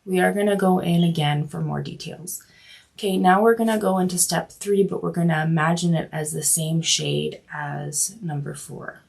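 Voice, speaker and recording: A woman's voice: on the low side, steady tone, moderate pace, gravelly, a little mellow, breathy edge. A woman with a cold teaching a live drawing lesson, chatty and apologetic, with many fillers. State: has a cold, coughing. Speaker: art instructor. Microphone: livestream setup.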